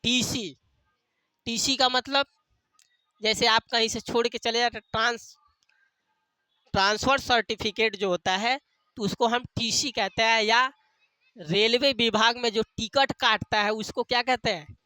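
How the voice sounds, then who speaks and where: A male teacher lectures at a slow, deliberate pace, asking questions and answering them himself. His voice is bright and crisp, and he repeats key terms and slips in jokey memory tricks. The close, dry recording has no room sound. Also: very high voice, fairly even intonation, no echo. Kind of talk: classroom lecture with call-and-response questions.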